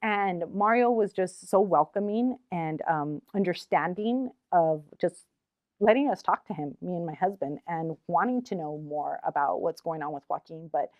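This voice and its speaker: A woman's voice: on the low side, moderate pace, dry recording, muffled recording. A middle-aged woman, an arts organizer, speaking earnestly and from the heart in a documentary interview, with frequent hesitations. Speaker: community art shop and gallery organizer.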